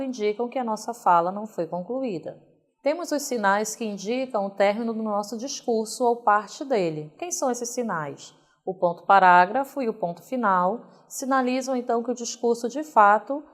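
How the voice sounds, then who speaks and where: A woman teacher with a Brazilian Portuguese accent, giving a recorded video lesson and reading example sentences slowly with careful emphasis. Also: a little high.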